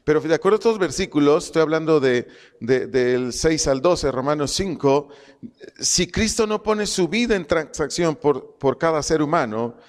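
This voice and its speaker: A man's voice: a little high, in a large hall. A man teaching a Bible study, asking questions and answering them himself, repeating key phrases and spelling out Greek words.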